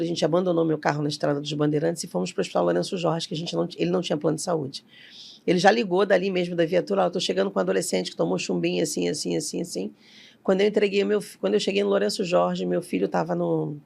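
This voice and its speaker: A woman's voice: lowish voice, vocal fry, a little mellow. A middle-aged woman, a company CEO telling a personal story as an interview guest and acting out the voices she quotes.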